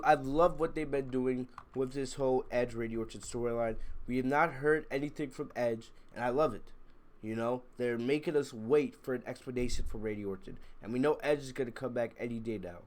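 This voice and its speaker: A man with a medium-pitched, darkish voice talks at a normal speed, sounding congested and sick with a cold. He hosts a wrestling review livestream, chatting casually to viewers with blunt, emphatic, opinionated commentary.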